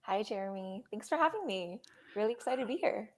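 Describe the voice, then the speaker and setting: A young woman speaks as a podcast guest in an easy, conversational way. She is friendly and relaxed, with frequent ums and a light laugh now and then. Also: mid-range voice, a little fast. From Indonesia. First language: Indonesian. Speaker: guest, startup founder. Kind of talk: casual interview conversation.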